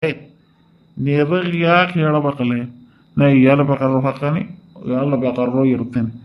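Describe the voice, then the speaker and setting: A man's voice: medium pitch, normal speed, muffled recording, slight background noise, close to an everyday voice. A man voicing a boastful, drinking village husband in a cartoon, speaking brusquely. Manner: brusque, dismissive. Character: drunken boastful village husband, middle-aged.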